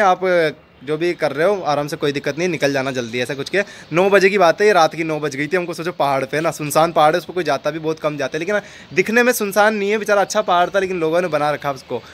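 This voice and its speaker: A man's voice: on the high side, a bit bright. A young man with a Rajasthani Hindi accent telling a personal story in a chatty way, repeating phrases and acting out the people he quotes. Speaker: storyteller vlogger. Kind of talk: casual spoken storytelling.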